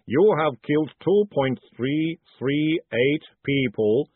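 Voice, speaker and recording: A man voicing a calm, literal-minded male clay golem with a slow, rumbling, formal way of speaking. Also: slightly rough, no room sound. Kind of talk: audiobook narration. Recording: dry, phone-like narrow band.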